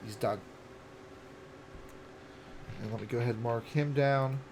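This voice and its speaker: A man in his late thirties narrating as dungeon master, halting with fillers and restarts. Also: medium pitch, a little mellow, slight background noise. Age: late 30s. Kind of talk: narrating a tabletop game.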